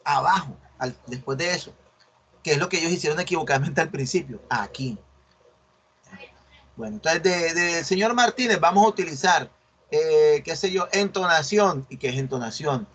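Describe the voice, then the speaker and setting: A man's voice: on the high side, expressive, moderate pace, a bit bright, breathy edge. A male university teacher explaining a research assignment in an online class, correcting students and often checking whether they follow. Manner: corrective, asks "¿sí ven?" often.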